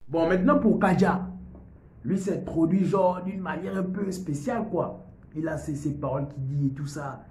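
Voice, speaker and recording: A man's voice: on the high side, fairly even intonation, moderate pace, dark tone. A young man chatting casually and jokingly to viewers as a music video host. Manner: chatty, joking, addresses viewers as "les gars". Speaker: music youtuber. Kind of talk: casual vlog chat. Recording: roomy echo.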